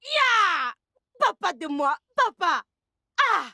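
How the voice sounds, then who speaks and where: A woman's voice: extremely high pitch, very animated, extremely slow, creaky, dry recording, clean studio sound, exaggerated voice. A woman dubbing a brash, cheeky young daughter in a French-dubbed film. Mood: overjoyed. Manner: loud, exclamatory, cheeky.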